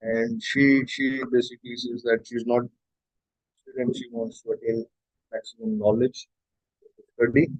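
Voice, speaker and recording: A man lecturing over a video call whose connection keeps breaking up, so his words drop out. He talks at a middling pitch, pausing often with fillers and restarting sentences. The sound is dry and close, with no room around it. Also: a little mellow, no room sound, poor audio. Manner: hesitant, many fillers and restarts. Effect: bad connection, voice cutting out. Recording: choppy online call audio, dry.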